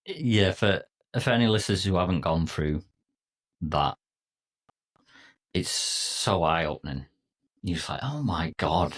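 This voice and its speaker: A man's voice: low voice, slow, long pauses, a bit bright. A man co-hosting a coaching podcast, talking with enthusiasm and an easy, jokey manner. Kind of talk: casual podcast conversation.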